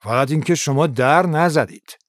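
Man doing a curt, brisk private detective. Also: a little high, dry recording, clean studio sound, close to an everyday voice.

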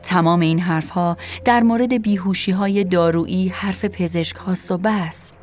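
A woman narrating a first-person audiobook in a quiet, measured, reflective way. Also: on the low side, steady tone, faint music behind.

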